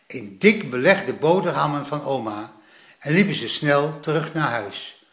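A man reading a children's story aloud in a lively, animated way. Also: on the high side, unhurried, echoey room.

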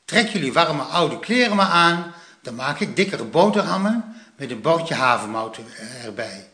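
Guy putting on a bossy gnome granny voice, firm, bright tone. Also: a little high, sing-song, unhurried, roomy sound, heavily acted. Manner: firm, scolding. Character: brisk, scolding but caring gnome grandmother.

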